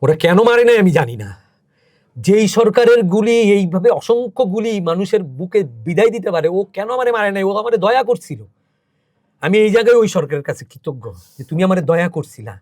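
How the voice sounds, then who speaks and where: A man's voice: high voice, animated, fast talker, darkish tone, dry recording, studio quality. A man, a podcast guest telling emotional, emphatic stories as a cultural organizer. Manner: emotional, emphatic storytelling with rising intensity. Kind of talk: impassioned interview talk.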